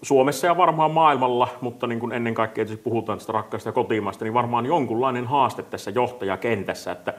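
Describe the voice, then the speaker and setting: A man's voice: mid-range voice, few pauses. A man hosting a casual talk, agreeing often and filling his speech with hesitant fillers. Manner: agreeable, fills speech with "niin kuin". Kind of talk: casual podcast chat.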